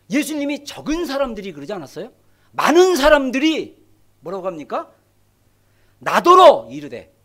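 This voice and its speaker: A middle-aged man preaching a sermon as pastor in a church, dramatic, acting out scripture quotes and rising to shouts. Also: extremely high pitch. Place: church sanctuary.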